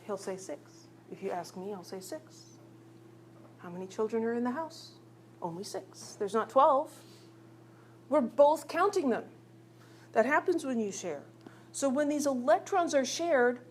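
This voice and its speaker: Chatty woman chemistry teacher, faint hum. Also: fairly high pitch. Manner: chatty, teasing, asks the class questions. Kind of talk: recorded classroom lecture.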